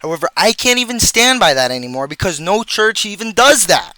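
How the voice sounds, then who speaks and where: A man's voice: high voice, big pitch swings, a little fast, bright, forceful tone, no room sound, rough recording. A man reading a list aloud and breaking off into sarcastic, rambling commentary. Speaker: video creator commenting on church.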